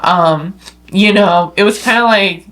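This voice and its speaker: A woman's voice: medium pitch, measured pace, a bit bright. A young adult woman from Los Angeles hosting a podcast interview, reflecting openly and filling her speech with "like.". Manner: reflective, filler-heavy, says like constantly. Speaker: podcast host. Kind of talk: casual interview chat.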